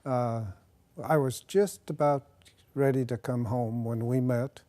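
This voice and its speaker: An older man from Nebraska, a retired army officer appearing as a guest, describes his service in interview answers, easygoing and measured, plainspoken and full of pauses and little fillers. He has a warm, mellow, middle-pitched voice with fairly even intonation. The setting is a quiet studio with a dark backdrop, and he wears a lapel mic.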